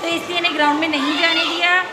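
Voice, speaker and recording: A young woman, a schoolteacher, vlogging casually on a phone as she walks around a school, chatting and gently coaxing a child with questions. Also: very high voice, little pitch movement, racing. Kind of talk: casual vlog chat. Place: school grounds and corridors. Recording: loud crowd and ambient noise. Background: children playing and chatter.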